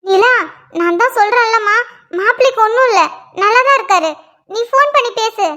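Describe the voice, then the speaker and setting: A woman's voice: very high-pitched, brisk, pushed and bright. A woman voicing a middle-aged mother who coaxes and reassures her daughter in a cartoon. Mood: soothing. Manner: reassuring, coaxing. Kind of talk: cartoon voice acting.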